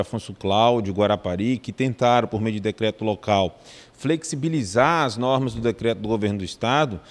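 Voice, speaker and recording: Brazilian man, legal adviser, formal measured delivery, reverberant room. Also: medium pitch. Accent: Brazilian Portuguese. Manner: measured, formal, with frequent restarts and fillers. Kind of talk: formal legal explanation in an interview.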